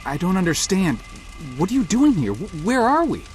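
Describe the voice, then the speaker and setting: A man's voice: sits high, wildly swooping pitch, normal speed, a little mellow. An actor playing a confused, incredulous man questioning a friend in a video game. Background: game music.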